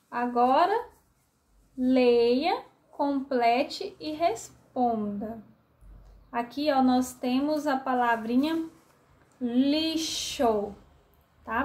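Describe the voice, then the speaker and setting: A woman teaching a remote literacy lesson to first graders in Brazilian Portuguese, patiently drawing out syllables for young children. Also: high voice.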